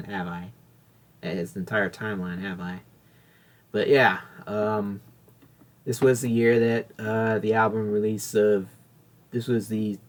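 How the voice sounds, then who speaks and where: A man's voice: on the low side, fairly bright tone. A man hosting a casual solo podcast, rambling and correcting himself as he talks. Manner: rambling, self-correcting, chatty. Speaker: podcast host.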